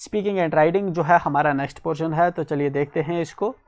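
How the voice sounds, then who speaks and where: A male teacher explaining an English textbook lesson in Hindi, who spells words out letter by letter, keeps adding "ठीक है ना", and reads English lines slowly before explaining them quickly. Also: on the high side. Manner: repeats "ठीक है ना" as a filler.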